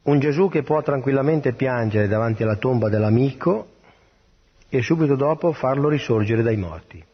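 Husky priest on lo-fi radio. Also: male voice, medium pitch, normal speed. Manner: plain, earnest, with small restarts. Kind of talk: gospel reading and radio homily. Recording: dull lo-fi radio broadcast.

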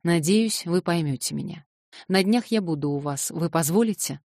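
A woman's voice: fairly low pitch, normal speed, a little mellow, dry recording, studio quality, close to an everyday voice. A woman reading an audiobook, voicing a cold and condescending older nobleman. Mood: smooth, condescending. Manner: smooth, condescending.

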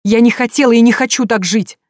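A woman's voice: medium pitch, fast talker, mellow, dry recording, studio quality, pitched above the performer's own voice, close to an everyday voice. A narrator voicing a frightened young woman who pleads and cries out through tears, in a storybook reading. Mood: desperate pleading. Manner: pleading, crying out. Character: frightened young wife, terrified and tearful.

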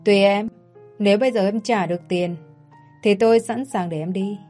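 A woman's voice: medium pitch, fairly even intonation, moderate pace, darkish tone, faint music behind, lightly acted. A woman voicing a pushy, menacing young man in a spoken story, with a coaxing, threatening manner.

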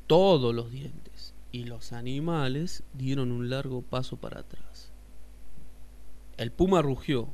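A man narrating a children's story in a lively, expressive way. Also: mid-range voice, a little hiss or hum.

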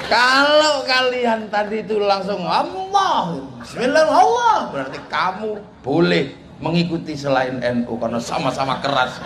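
A man's voice: high-pitched, unhurried. A man preaching a humorous sermon, telling a story and acting out the dialogue. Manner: animated, joking, acts out dialogue. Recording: echoey hall with crowd noise.

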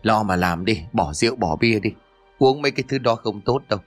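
In a horror audio story, a man voices a sharp-tongued middle-aged mother firing off quick, nagging scolds. His voice is fairly low and plain yet expressive and slightly rough, with soft music faintly behind.

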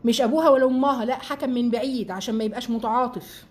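A woman in her forties with an Egyptian accent, giving chatty, animated religious and family advice on a live stream. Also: a little high, very fast. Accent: Egyptian Arabic. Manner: chatty, animated, addresses listeners as sisters. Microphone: live-stream mic.

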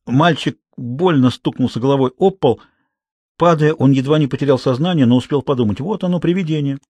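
A man narrating a children's audiobook in an expressive storytelling manner. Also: mid-range voice, brisk, slightly rough, no room sound.

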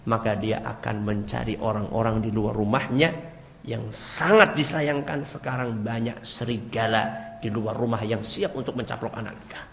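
Lively male teacher in an echoey hall. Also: sits high. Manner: quizzes the audience with questions; animated storytelling. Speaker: religious teacher. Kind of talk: religious study lecture. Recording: echoey hall, dull lo-fi audio.

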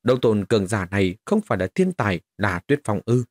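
A man's voice: lowish voice, sing-song, fairly quick, a little mellow, no room sound. A man narrating a fantasy novel as an audiobook, telling the story expressively.

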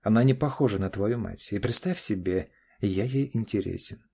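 A self-assured middle-aged father who speaks in short, firm phrases, played by an audiobook reader. The voice stays dark and husky. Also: lowish voice, moderate pace. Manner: curt and clipped. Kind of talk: audiobook character voice.

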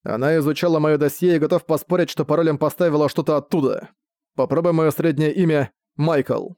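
A man reading an audiobook, playing a weary, calm knight leader who speaks in a measured way. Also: fairly high pitch, no room sound, clean studio sound, natural voice.

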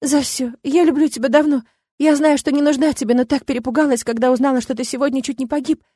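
A woman's voice: high voice, fairly even intonation, quick pace, mellow, no room sound, studio quality, pitched above the performer's own voice, lightly acted. A woman voicing a shy, timid young female student who speaks through tears and sniffles. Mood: tearful. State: sniffling, tearful.

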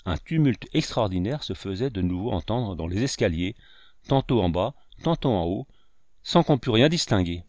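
A man reading a novel aloud in scripted narration, measured and steady. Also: fairly low pitch, no echo, clean studio sound. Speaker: audiobook reader.

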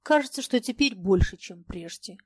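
Brooding young man, shy, quiet, hesitant, lowered soft voice, dry recording, read by a woman. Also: animated, moderate pace, husky, no room sound. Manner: quiet, hesitant, low-spoken. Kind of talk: audiobook character reading.

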